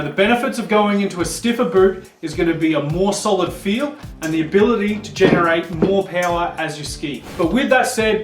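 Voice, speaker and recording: Male presenter, congested nasal tone, informal how-to delivery; echoey room with some music. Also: sits high. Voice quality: nasal, blocked-nose sound. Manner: informal, explanatory. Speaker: host of a ski boot advice show. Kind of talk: informal instructional Q&A to camera. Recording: roomy echo, distant mic, music.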